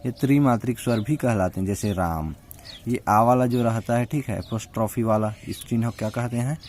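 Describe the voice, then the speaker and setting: A man teaching a grammar lesson. He asks the class questions, answers them himself, checks in with "okay" again and again, and draws out the example vowel sounds slowly. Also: mid-range voice, a little mellow, a little hiss or hum. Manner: repeats "ठीक है" as a constant check-in. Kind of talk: spoken Hindi grammar lesson.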